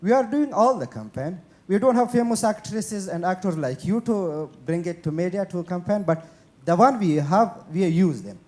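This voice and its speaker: A man from Afghanistan who speaks up from the audience of a panel discussion with a halting comment and question, full of fillers and restarts. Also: sits high, lively intonation, darkish tone. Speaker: audience member asking a question.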